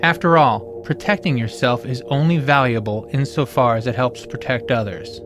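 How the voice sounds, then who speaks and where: A man hosting a podcast, reading scripted documentary narration in a measured, solemn way with emphatic rises. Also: medium pitch, music in the background.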